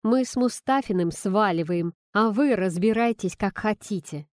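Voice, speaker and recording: A woman's voice: mid-range voice, moderate pace, no room sound, clean studio sound, lightly acted. A woman voicing a frightened but defiant young woman holding a gun, her voice trembling as she threatens. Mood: tense defiant. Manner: shaky, shouting threats.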